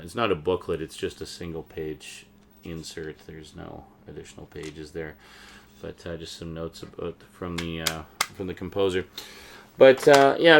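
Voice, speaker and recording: A low, creaky male voice, with a little hiss or hum in the audio, belongs to a vlogger and collector. He rambles enthusiastically through an unscripted show-and-tell of the DVDs he bought, sounding like a true fan.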